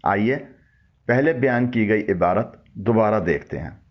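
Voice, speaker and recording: A calm male teacher explaining a lesson at a very unhurried pace, his voice a little low. He reads example sentences carefully and deliberately, and the recording sounds dull and lo-fi.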